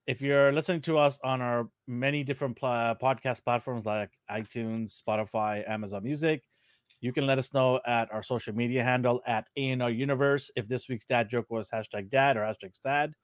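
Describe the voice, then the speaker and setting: A man's voice: medium pitch, fairly quick, dry recording, clean studio sound. A middle-aged man co-hosting a podcast in casual chat, joking around and laughing often. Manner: jokey and animated, laughs often. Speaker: podcast co-host.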